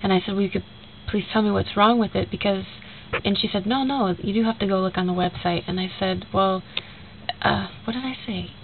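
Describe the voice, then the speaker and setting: In a tinny, faintly hissing lo-fi video message, a young woman with a cold-stuffed, nasal voice casually recounts a conversation to a friend, rambling and using many fillers. She speaks briskly in a mid-range voice with a steady tone.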